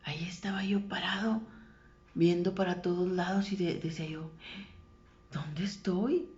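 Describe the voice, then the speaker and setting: A woman's voice: fairly low pitch, steady tone, normal speed, darkish tone, roomy sound, dull audio. A woman who tells a spoken testimony story and dramatically voices the people in it. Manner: dramatic retelling, voicing others in quotes.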